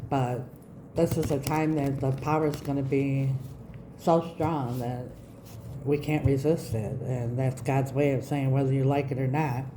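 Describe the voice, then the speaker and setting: Low-voiced woman with slightly slurred, slushy speech. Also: steady tone, measured pace. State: recovering from mouth surgery, speech slightly off. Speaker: tarot reader, channel host. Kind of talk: spiritual card reading to online viewers. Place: indoors in an echoey room. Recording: roomy echo, background noise.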